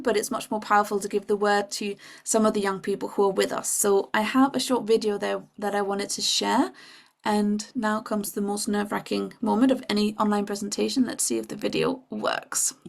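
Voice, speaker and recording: A woman's voice: medium pitch, normal speed, creaky. A woman giving a casual, conversational online presentation for an education charity over a video call microphone. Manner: casual, conversational, relaxed fillers.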